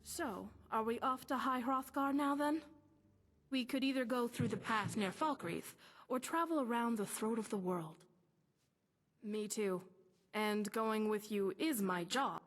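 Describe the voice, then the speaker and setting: A woman's voice: fairly high pitch, a little slow. A woman playing a loyal young female bodyguard in a video game, speaking in a dry, matter-of-fact way. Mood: dutiful.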